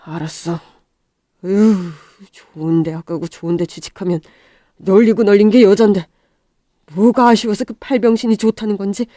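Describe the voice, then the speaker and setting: A dismissive middle-aged husband played by a woman grumbles scornfully in a radio drama. The voice is pushed low and the sound is dry and close. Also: steady tone, normal speed, warm tone, dry recording, lightly acted.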